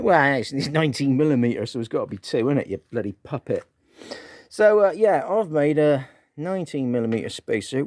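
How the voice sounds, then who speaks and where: Bloke chatting thru a bike fix, mutters to himself, dry close sound. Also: male voice, mid-range voice, vocal fry, darkish tone, dry recording. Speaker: motorbike vlogger. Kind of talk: casual workshop how-to.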